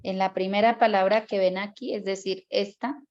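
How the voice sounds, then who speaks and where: A woman's voice: medium pitch, level tone, normal speed, darkish tone, dull audio. Woman teaching a class over a call. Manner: explains step by step, often checks with students. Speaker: Bible course teacher. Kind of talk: online class lecture.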